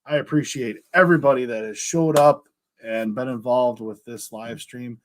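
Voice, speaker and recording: A man hosting a relaxed live stream, his voice a little worn as he loses it. He reads viewer comments out loud, filling the gaps with ums and uhs. His pitch sits at an ordinary middle height. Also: moderate pace, a little hiss or hum. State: losing his voice. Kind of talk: casual live stream chat.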